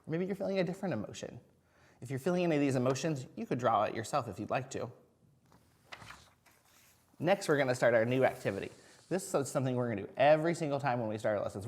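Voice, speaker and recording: A man teaching young children in a video lesson, encouraging, using simple words and asking frequent questions as if talking to little kids. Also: mid-range voice. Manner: encouraging, singles out and spells words slowly. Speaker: first grade teacher.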